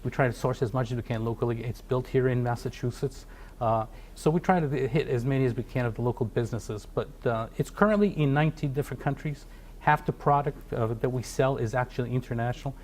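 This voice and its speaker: A man's voice: mid-range voice, quick pace, a little mellow. A middle-aged man from Portugal, a company founder, speaking in a TV business interview with many fillers and restarts. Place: TV studio.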